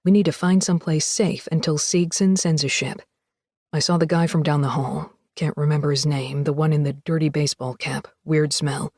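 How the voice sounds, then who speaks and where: A woman reading an audiobook, voicing a frightened husband who leaves his wife an urgent, hushed warning. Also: low voice, steady tone, moderate pace, no echo, studio quality, pitched below the performer's own voice.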